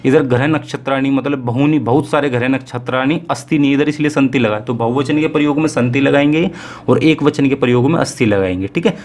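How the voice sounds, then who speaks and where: A man teaching an exam-prep lesson in a casual, friendly way, checking in often and slowing down to read passages aloud. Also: mid-range voice, darkish tone. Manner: friendly, repeats "ठीक है" often, slows to read Sanskrit aloud.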